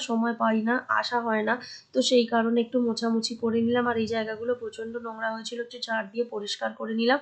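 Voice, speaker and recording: A young woman narrates her day in a chatty vlog voice-over, speaking straight to her viewers. Her voice is hoarse and sits a little high. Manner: chatty, addresses viewers directly. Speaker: vlogger.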